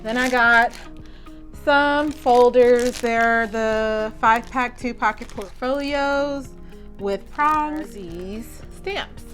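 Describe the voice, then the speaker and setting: A woman's voice: fairly high pitch, very slow, fairly bright tone, soft background music. A young woman with a Southern accent, chatting casually and rambling as a teacher vlogger. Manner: chatty, rambling, many "like"s and restarts. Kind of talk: casual vlog chat.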